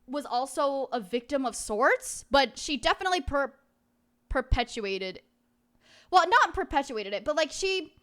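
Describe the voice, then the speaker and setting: High, bright-voiced cutesy woman livestreamer. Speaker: livestreamer, VTuber. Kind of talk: casual livestream chat with viewers.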